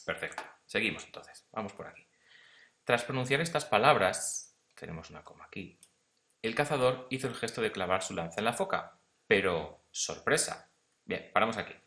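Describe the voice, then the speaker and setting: A man teacher explaining punctuation step by step, often checking in with his students and reading quoted passages slowly. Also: on the low side, creaky. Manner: reads quoted text slowly and louder. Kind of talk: punctuation lesson.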